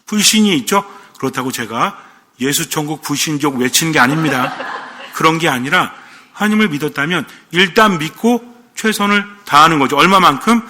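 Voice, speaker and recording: Bright-voiced priest in a reverberant hall. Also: male voice, a little high, animated, moderate pace. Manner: asks the congregation questions, playful asides. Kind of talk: sermon.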